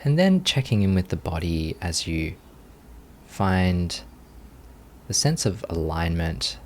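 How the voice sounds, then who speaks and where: Leading a guided meditation, a male teacher speaks in a deep voice with lively intonation. He offers soft, unhurried instructions separated by long pauses, over slight background noise.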